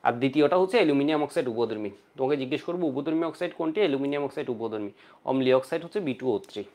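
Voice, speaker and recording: A man's voice: mid-range voice, animated, very fast, a little mellow. A man teaching an online chemistry lecture for exam prep, repeating key points again and again to drill his students.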